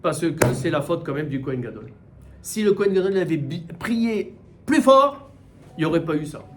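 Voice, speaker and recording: A middle-aged man, a rabbi, giving a Torah class in with mixed in, animated and full of rhetorical questions. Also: fairly high pitch, fast talker, a little hiss or hum. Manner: animated, rhetorical questions, repeats words while searching. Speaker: rabbi teaching the weekly portion. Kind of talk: Torah class, spoken teaching.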